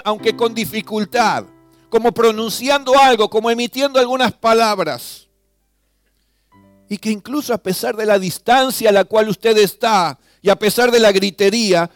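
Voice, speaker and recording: A man with a high voice leads a devotional meditation, speaking straight to the listener in earnest questions. He swells louder on key words and drops to a hush at the end of phrases, while a guitar plays faintly underneath. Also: no echo, studio quality. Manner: swells loud on key phrases, drops soft at line ends. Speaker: preacher. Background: soft guitar music.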